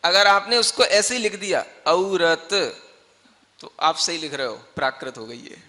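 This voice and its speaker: A man, a monk, teaching scripture, with a fairly high, bright, forward voice. He explains patiently with everyday examples and keeps asking his listeners whether they follow. His voice carries a long reverb from a large hall. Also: animated, measured pace. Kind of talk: classroom-style scripture teaching.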